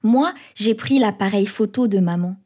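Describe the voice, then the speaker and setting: A woman narrating a children's storybook in an expressive, playful first-person voice. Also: medium pitch, moderate pace.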